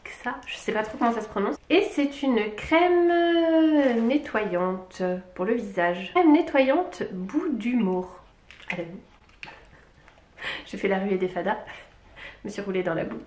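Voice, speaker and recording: Excitable beauty vlogger, woman from Lyon, bright pitch, echoey room, lots of gushing exclamations. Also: measured pace. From Lyon, France. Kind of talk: casual unboxing chat.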